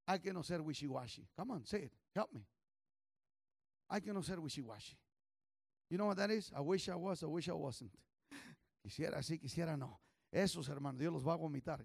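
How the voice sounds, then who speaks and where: High, gravelly-voiced preacher man. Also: no room sound, studio quality. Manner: switches between Spanish and English, calls for congregation responses; shouts for emphasis. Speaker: pastor. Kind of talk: bilingual sermon.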